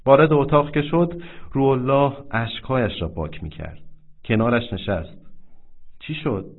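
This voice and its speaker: Solemn male audiobook narrator, lively intonation, phone-quality sound. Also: medium pitch, gravelly. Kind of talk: audiobook reading.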